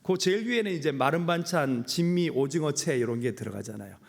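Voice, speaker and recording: A man's voice: fairly high pitch, lively intonation, brisk, vocal fry. A middle-aged male pastor preaching a sermon, telling a personal story with humor and emotion. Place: church sanctuary. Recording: long hall reverb.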